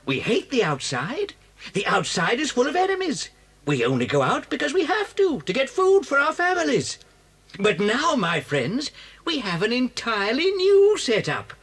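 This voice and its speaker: Jovial, swooping, speechifying fox. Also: male voice, very high-pitched, wildly swooping pitch, moderate pace, fairly bright tone, breathy edge, exaggerated voice. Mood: rousing, persuasive. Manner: speechifying, theatrical. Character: jovial, self-assured father fox leading the animals. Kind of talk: audio storybook dramatisation. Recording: hissy old children's cassette recording.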